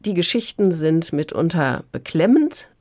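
Measured woman critic reviewing an audiobook. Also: deep voice, very animated, dry recording, clean studio sound. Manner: measured, warmly appreciative yet frank critique. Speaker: literary critic. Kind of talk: radio book review.

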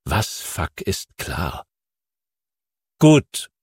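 A man voicing a tough, distrustful young man in an audiobook, clipped and stern. the husky, lowish voice jumps around in pitch. the sound is dry and close. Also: wildly swooping pitch, very slow, darkish tone, no echo, full character voice. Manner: curt, stern. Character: hard, suspicious young man under strain. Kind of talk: audiobook reading.

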